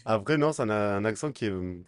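A man giving measured, thoughtful answers in a street interview. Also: on the low side, lively intonation, clear, resonant tone, dry recording, clean studio sound.

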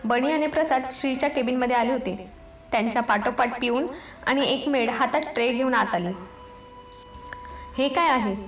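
A woman narrates a romance audiobook in a steady, expressive way. Her voice sits a little high. The room rings with echo, and soft music plays behind her. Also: a little fast. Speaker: storyteller.

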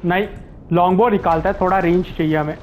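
A man giving casual gameplay commentary, relaxed and mixing in English words, chuckling at the game. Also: high-pitched, quick pace, slight background noise, low-quality recording. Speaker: gamer, channel host.

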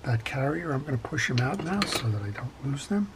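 A middle-aged man with an ordinary mid-range voice talks through a repair tutorial in a calm, practical way, pausing on fillers while his hands are busy. Clear clicks and clatter of small tools and parts run under his voice at the workbench. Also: medium pitch, background noise. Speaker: fishing reel repair instructor. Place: workshop bench.

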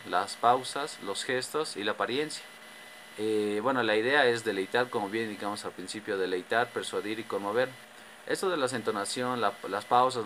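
Man, student presenter, low voice, hesitant, faint background noise. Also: fairly bright tone, low-quality recording. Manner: hesitant, many fillers and restarts. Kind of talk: class presentation on public speaking.

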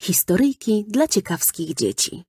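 A woman narrating a children's storybook in a lively storytelling manner, recorded close in a studio. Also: mid-range voice, measured pace, husky, no room sound. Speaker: audiobook narrator.

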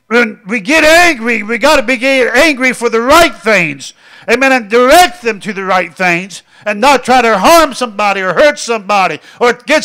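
High bright-voiced male preacher, amen-punctuated. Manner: frequent interjected amens, repeating phrases. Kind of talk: sermon.

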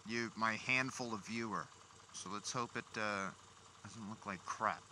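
A man's voice: on the low side, fairly even intonation, measured pace, sharp tone. A man vlogging casually from inside a motorcycle helmet as he rides, with wry, grumbling asides to himself. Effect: voice enclosed inside a motorcycle helmet. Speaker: motovlogger. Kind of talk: casual chat, muttering to himself while riding. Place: riding a motorcycle outdoors on city streets at night. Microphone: small mic inside helmet, recorder. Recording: engine and traffic noise, helmet-mounted mic.

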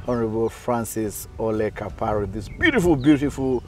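A man's voice: mid-range voice, animated, fairly quick. A middle-aged man hosting an outdoor interview, chatting casually with short encouraging replies and frequent laughs, recorded on a lapel mic. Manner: brief encouraging backchannels, playful, laughs often. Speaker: TV host. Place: outdoors on a dry ranch.

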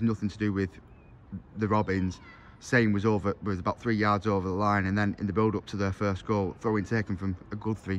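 A man's voice: lowish voice, slight background noise. A man with an English accent, a club media interviewer asking conversational, leading questions after a match.

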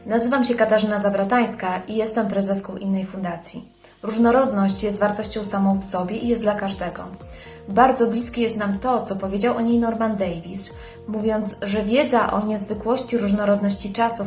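A woman, a foundation president, giving a measured and earnest formal statement. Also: medium pitch, fairly even intonation, darkish tone, faint music behind. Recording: echoey room.

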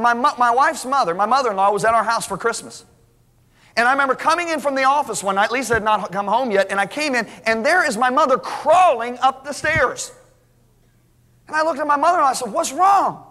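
High, bright-voiced man preaching in hall. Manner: animated storytelling, calls for congregation responses. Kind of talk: sermon. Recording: reverberant hall.

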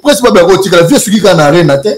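A man's voice: high-pitched, animated, very fast. A man in a heated debate, rambling as he mixes French and Lingala phrases. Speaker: guest.

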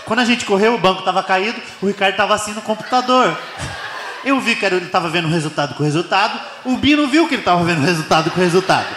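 A man's voice: high-pitched, animated, rapid-fire, fairly bright tone. A man with a Brazilian accent doing live stand-up, telling a story and acting it out with animation. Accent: Brazilian Portuguese. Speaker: stand-up comedian. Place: stage before an audience. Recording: echoey live venue with noise.

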